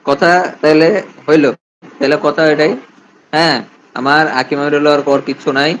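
A man's voice: a little high, flat delivery, normal speed, a bit bright, a little hiss or hum, poor audio. A young man, speaking on a live stream in a stern, blunt, warning manner.

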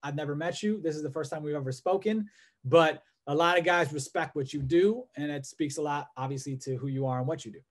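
A man in his thirties hosts a video call from a room at home, voice sitting a little high. He rambles casually, restarting phrases and piling on fillers as he explains his plans. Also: a little fast. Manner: rambling, filler-heavy, gestures a lot. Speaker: host of a coaching network. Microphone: video call webcam.

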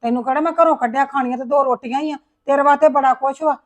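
A woman's voice: high voice, steady tone, fast talker, close to an everyday voice. An actress playing a mother who takes her married daughter's side against the in-laws in a domestic drama. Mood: indulgent. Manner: indulgent, scolding the in-laws. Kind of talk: domestic web drama acting.

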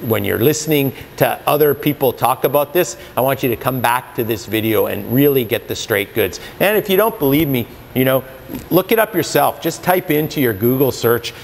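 A man's voice: medium pitch, gravelly, in a large hall, a little hiss or hum. A man in his forties at a spa supply store, earnestly explaining hot tub care to camera on a lapel mic, with lots of fillers and restarts. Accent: Canadian. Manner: earnest, many fillers and restarts, demonstrates products while talking.

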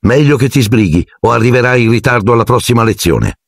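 A man's voice: medium pitch, animated, fast, creaky, no echo, studio quality, voice pushed up. A man voicing a strict, formal older woman teacher in an audiobook, clipped and authoritative. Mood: stern. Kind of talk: audiobook character voice.

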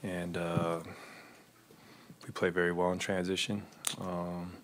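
A basketball player in his thirties answers questions at a postgame press conference in an arena press room, speaking into a desk microphone. He is measured and low-key, uses frequent fillers, and his delivery is completely flat.

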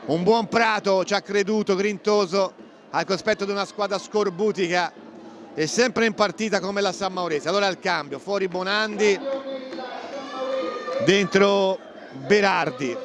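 A man's voice: high-pitched, unhurried. An Italian man giving live play-by-play commentary on a football match. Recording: faint stadium crowd and outdoor noise. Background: football crowd and outdoor ambience.

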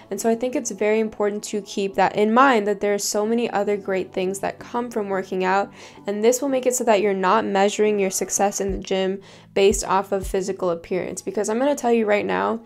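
A woman in her twenties, a fitness vlogger, talking in an earnest, relaxed way with plenty of "like" fillers. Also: mid-range voice, gravelly. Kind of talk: casual advice vlog. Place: bedroom, home studio and parked car.

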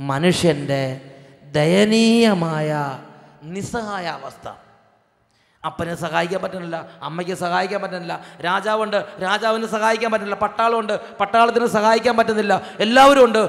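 High-pitched man, gravelly priest preaching, echoey hall. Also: steady tone, normal speed. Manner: dramatic preaching, sudden swings from hushed to loud. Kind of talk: sermon.

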